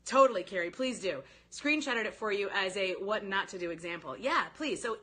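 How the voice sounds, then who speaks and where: This woman, a sales coach, runs a live online training in an informal live-stream style, talking with commenters as they post. Her voice is bright, mid-range, and brisk. She stays animated and relaxed, addressing viewers directly and quoting example phrases.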